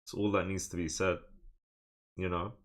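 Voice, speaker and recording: This live streamer, a man from England, plays online chess in a relaxed way, muttering about his moves and talking to his viewers. His deep voice is flatly delivered at a moderate pace.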